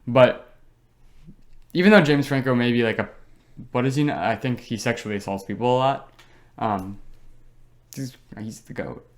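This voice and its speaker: A man's voice: mid-range voice, moderate pace, pauses often. A young man co-hosting a podcast with an ordinary mid-range voice. He talks in an enthusiastic, slangy way and teases his friend. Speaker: podcast co-host. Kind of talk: casual chat.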